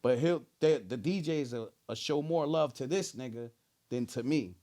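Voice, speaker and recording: A man's voice: medium pitch, moderate pace, dark tone. New Jersey man, emphatic street-slang interview talk. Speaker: rapper being interviewed.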